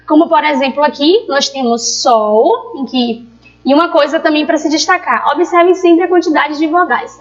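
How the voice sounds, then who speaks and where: A woman with a Brazilian Portuguese accent, teaching a recorded grammar lesson in a patient, explanatory way and drawing out example words. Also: sits high. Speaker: primary school teacher. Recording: dull lo-fi recording.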